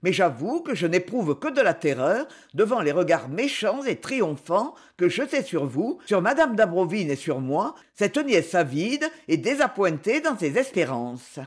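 A man's voice: sits high, big pitch swings, unhurried, hardly any pauses, husky, exaggerated voice. A man reading as a polite, earnest count. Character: earnest middle-aged male count, polite and worried.

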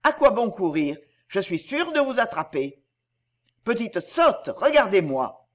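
A woman's voice: mid-range voice, very animated, a little slow. A woman voicing a cold, menacing female cobra who taunts her prey cruelly in a storybook reading. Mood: taunting.

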